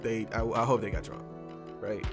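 A man hosting a podcast, chatting casually with informal slang and animated exclamations. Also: on the low side, moderate pace, loud music behind the voice. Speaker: podcast host.

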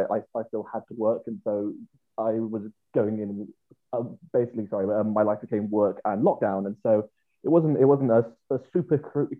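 Hesitant man on a tinny line. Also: medium pitch. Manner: hesitant, many fillers and restarts, quick bursts. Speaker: podcast guest. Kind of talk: casual podcast chat. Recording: tinny phone-like remote line.

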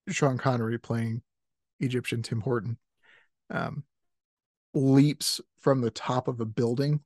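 A man spins an improvised comic story at an easy, unhurried pace, laughing often as he rambles along. His voice sits close and dry, with no room around it. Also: mid-range voice, darkish tone, no echo.

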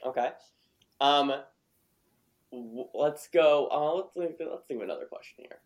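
A man's voice: fairly high pitch, lively intonation, a little slow. A man hosting a casual podcast interview, easygoing and encouraging, often repeating words as he thinks of the next question. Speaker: podcast host.

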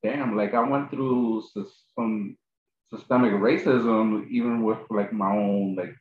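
A man in his forties with a fairly low voice. He talks in a loose, halting conversational style, repeating himself as he goes. The recording is echoey and slightly dull. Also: steady tone. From the Bronx, New York. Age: 40s. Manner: halting, repetitive, informal phrasing. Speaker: interviewer. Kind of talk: casual chat. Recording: roomy, echoing, slightly dull audio.

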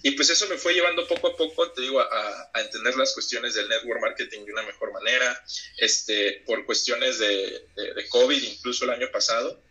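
A man's voice: medium pitch, moderate pace, sharp tone, poor audio. A man with a Mexican Spanish accent, chatting as an interview guest, reflective and full of restarts. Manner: reflective, many hesitations and restarts. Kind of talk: casual interview chat.

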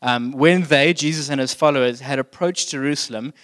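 A man's voice: mid-range voice, fairly quick, fairly bright tone. A man delivering a sermon as pastor, speaking in a casual, plainspoken way and asking his listeners direct questions. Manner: conversational, plainspoken preaching.

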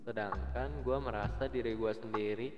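A man in his twenties hosts a casual podcast chat, his fairly low voice holding a fairly even intonation at a moderate pace. He comes across as candid and self-doubting, rambling with plenty of fillers. The lo-fi recording sounds echoey and dull, with a music bed underneath.

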